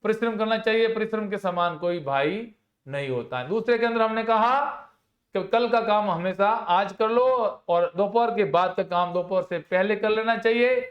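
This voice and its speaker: A man teaching a class of children with a high voice. He works through each verse patiently, putting questions to the class and answering them himself. The sound rings in an echoey room. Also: lo-fi sound. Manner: repeats points and asks the children questions, then answers them. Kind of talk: classroom lesson explaining Sanskrit verses in Hindi.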